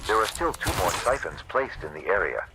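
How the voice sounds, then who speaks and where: A man's voice: deep voice, sing-song, brisk, background noise. An actor voicing an alien who poses as a friendly human man, giving mission orders in stiff, overly formal speech, heard as game audio. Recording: game audio with loud gunfire over it.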